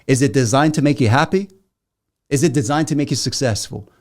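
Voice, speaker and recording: A man hosting a live motivational masterclass, firing rhetorical questions at his audience and swinging between loud, emphatic urging and hushed, intimate asides. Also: mid-range voice, a little fast.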